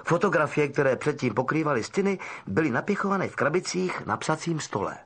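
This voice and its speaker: A man with a fairly high, breathy-edged voice narrates a novel as an audiobook reader. His scripted narration is delivered as expressive storytelling.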